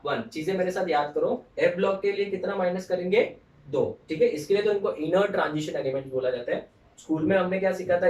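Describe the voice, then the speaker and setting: A man lectures on chemistry in a slightly raised voice, recorded from a distance in an echoey room. He slows down to repeat memory tricks and calls on students to repeat them after him. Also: high-pitched, a little mellow, dull audio. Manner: repeats mnemonics slowly, drilling students. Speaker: chemistry teacher. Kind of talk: Hindi classroom lecture with mnemonics.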